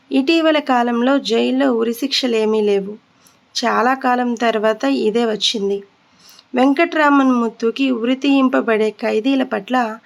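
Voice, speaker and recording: A woman storyteller narrating a love story audio drama with steady, measured reading. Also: fairly high pitch, vocal fry.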